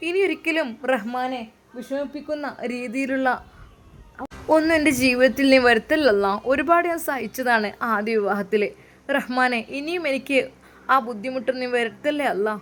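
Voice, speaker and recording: A woman's voice: high voice, normal speed, a bit bright. A woman voicing an anxious, devout young wife who pleads in prayer. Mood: pleading.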